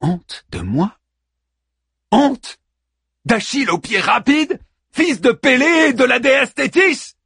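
A man playing a grief-stricken, furious young warrior hero who cries out and pleads, often shouting. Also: high voice, animated, unhurried, husky, no room sound, studio quality, pitched above the performer's own voice, exaggerated voice. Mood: anguished.

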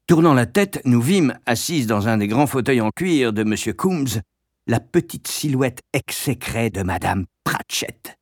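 A man narrating an audiobook in a measured, grave storytelling manner. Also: medium pitch, expressive, dry recording, studio quality.

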